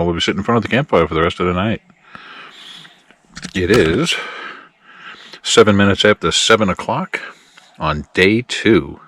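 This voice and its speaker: A man with a low, deep voice chats easily to camera from outdoors at his campsite. His manner is relaxed and friendly, and he speaks straight to his viewers as he settles in by the campfire. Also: dry recording. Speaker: camping vlogger. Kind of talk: casual vlog talk to camera.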